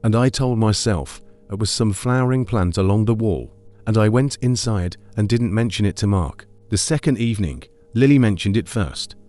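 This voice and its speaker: Low guy reading a creepy story, measured and somber, scripted narration. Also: dark tone.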